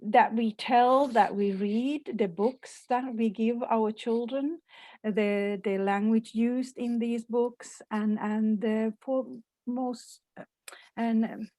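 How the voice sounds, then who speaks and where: A woman from Finland speaking as a panelist in an online conversation, slow and halting with many repeated words. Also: on the high side, fairly even intonation, mellow, no echo, rough recording.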